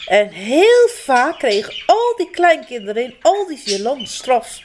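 Slow, expressive woman storyteller. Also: sits high, background noise. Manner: gentle, expressive, emphatic. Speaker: children's storyteller. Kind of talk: reading a children's story aloud.

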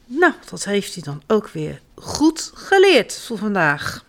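Lively woman reading kids' stories. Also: mid-range voice, takes it slowly. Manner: lively, expressive, sing-song storytelling. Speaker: children's storyteller. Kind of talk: reading children's stories aloud.

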